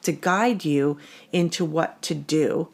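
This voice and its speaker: A woman co-hosting a podcast, chatting in an animated way and laughing easily. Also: low-pitched, slow. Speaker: podcast co-host. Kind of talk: casual conversational podcast chat.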